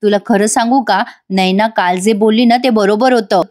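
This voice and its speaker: A woman's voice: medium pitch, steady tone, moderate pace, darkish tone, lightly acted. A woman voicing a bossy middle-aged mother who gives firm orders. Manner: commanding.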